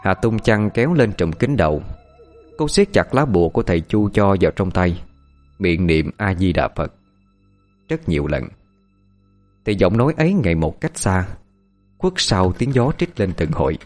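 Deep-voiced man narrating horror. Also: expressive, normal speed, long pauses, faint music behind.

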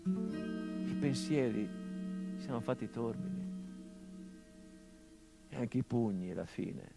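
Loud music plays behind a stage actor voicing a middle-aged son haunted by the murder of his father in an intimate radio monologue. His medium-pitched voice is creaky and slow, with lively intonation, brooding quietly and then breaking into anguished outbursts.

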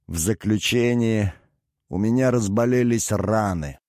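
A languid aristocrat speaks with weary, stoic irony from his prison cell, as a man reads him in an audiobook. His voice sits low, and the recording is dry and close. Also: lively intonation, normal speed, dark tone, no room sound, natural voice. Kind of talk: audiobook character reading.

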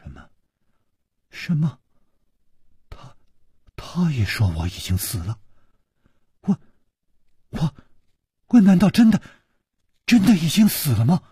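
A man's voice: medium pitch, wildly swooping pitch, slow pace, long pauses, darkish tone, slightly rough, dry recording, clean studio sound, heavily acted. A man voicing a frightened, desperate young girl who stammers and trembles in a storybook reading. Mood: trembling, despairing.

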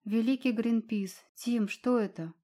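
Narrator doing anxious young witch girl, pleading, a bit higher than her own voice, storybook. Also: measured pace, dark tone. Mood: startled. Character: young woman student witch, flustered.

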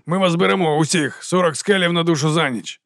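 A man's voice: a little high, a little fast, fairly bright tone, no echo, clean studio sound, voice pushed up. A man reading an audiobook and voicing an old, flamboyant mercenary who talks in a grand, showman-like way. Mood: jovial, grand. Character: old, flamboyant male mercenary, theatrical and cheerful. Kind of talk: audiobook character voice.

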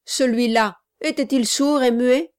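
A curt, stern gentleman lecturing the poor, as a woman reader plays him, firm and loud. The delivery is unhurried and the sound dry and close. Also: a little high, no room sound, voice pushed up, close to an everyday voice. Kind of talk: audiobook character reading.

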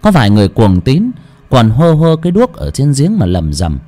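A man's voice: medium pitch, wildly swooping pitch, normal speed, mellow. Dramatic male audiobook narrator. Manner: dramatic storytelling.

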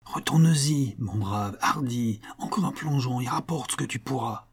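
A man voicing a greedy, fearful old male silversmith who speaks in eager, hushed tones in a storybook reading. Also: mid-range voice, a little fast, close to an everyday voice. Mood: whispering eager.

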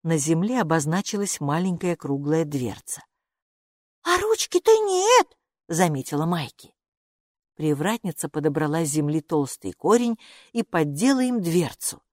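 A woman narrating a children's audiobook in an expressive, even-paced reading. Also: low voice, normal speed, no echo, clean studio sound. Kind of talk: storybook narration.

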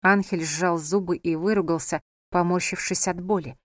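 A woman narrating a novel in a measured, even storytelling voice. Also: lowish voice, no room sound, studio quality. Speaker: audiobook narrator.

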